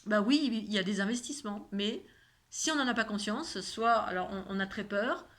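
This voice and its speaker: Woman, slight lisp with slushy s, medium pitch, casual monologue, rambling, repetitive phrasing for emphasis. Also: normal speed, a bit bright. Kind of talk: casual spoken monologue about spirituality.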